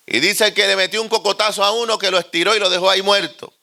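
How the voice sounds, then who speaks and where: Puerto rican preacher, humorous storytelling sermon, high voice, gravelly, bright, animated. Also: male voice, fast talker. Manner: animated, joking, conversational.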